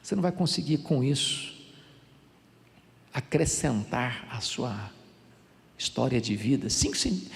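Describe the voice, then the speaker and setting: A man in his sixties with a Brazilian accent, preaching a sermon in a church with animated storytelling and emphatic, building delivery. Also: medium pitch, a little slow, vocal fry, pauses often. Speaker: pastor. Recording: long church reverb.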